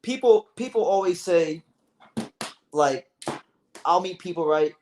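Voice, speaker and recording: A young man from South Florida hosting a casual livestream, talking in an animated way with lots of restarts and swearing. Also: high-pitched, slow, slight background noise. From South Florida, USA. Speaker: livestream host. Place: home, sitting on a beanbag chair.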